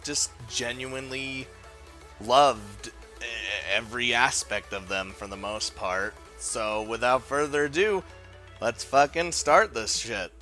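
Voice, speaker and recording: A man reviewing games gives casual, informal video commentary on a top-five list, enthusiastic and rambling. His medium-pitched voice is slow, bright and forceful. Soft music plays in the background.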